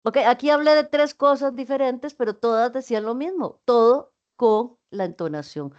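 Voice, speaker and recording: A woman's voice: a little high, expressive, moderate pace, a little mellow, lo-fi sound. A woman giving an online class lecture, patiently explaining with spoken examples. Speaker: teacher.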